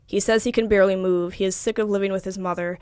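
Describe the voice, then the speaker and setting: A woman's voice: medium pitch, clear, resonant tone, no echo. Woman reading literary fiction, dry. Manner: measured, even narration. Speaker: reader.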